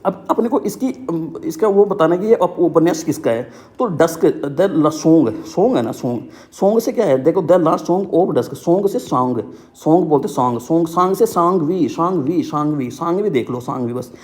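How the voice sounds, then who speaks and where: A man's voice: fairly high pitch, lively intonation, normal speed, a little mellow. A young man teaching exam book lists in a casual, repetitive way, with memory tricks and frequent check-ins. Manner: repetitive, keeps saying "ठीक है".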